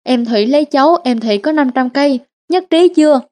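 A woman's voice: high voice, fairly quick, mellow, lightly acted. A woman voicing a cocky young male thief in a storybook tale. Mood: scheming. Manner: brash, wheedling.

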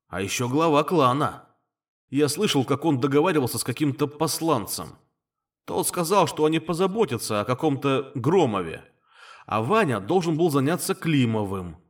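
A man's voice: medium pitch, very animated, normal speed, voice pushed up. A man voicing the coarse, grumbling ghost of a drowned fisherman who lives in a candle. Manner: grumbling, colloquial.

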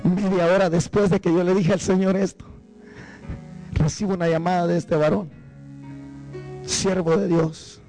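Man, guest preacher, evangelical sermon, very high voice, faint music underneath. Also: flat delivery, a little slow, pauses often, dark tone, rough recording. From Guatemala. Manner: rises to fervent, high-pitched preaching.

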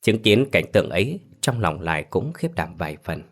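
A man narrating a scripted ghost story in a steady, even reading voice. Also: low voice, fairly quick.

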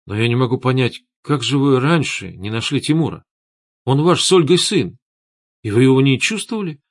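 A man reading a first-person fantasy audiobook, measured and expressive, close on a studio mic. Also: fairly low pitch, no room sound. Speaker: audiobook narrator.

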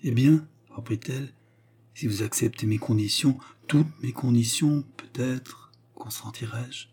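A man's voice: medium pitch, normal speed, dark tone, husky, close to an everyday voice. A man voicing a scheming young kept woman in an audiobook reading, pleading and then commanding her lover. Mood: hushed.

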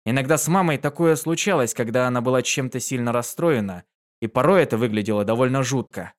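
Man calmly reading a story aloud. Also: medium pitch, fast. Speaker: narrator. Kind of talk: audiobook reading of a fan story.

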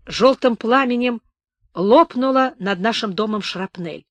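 A woman reading a literary memoir aloud as an audiobook narrator, in an even, measured way on a close mic. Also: fairly high pitch, no room sound. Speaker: audiobook reader.

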